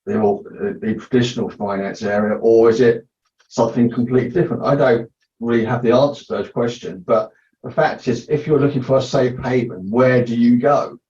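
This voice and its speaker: A man's voice: mid-range voice, steady tone, brisk, mellow. A man musing aloud on a group video call, piling up rhetorical questions. His voice carries a roomy echo and sounds dull and muffled. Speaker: participant. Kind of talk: casual group chat. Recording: echoey muffled call audio.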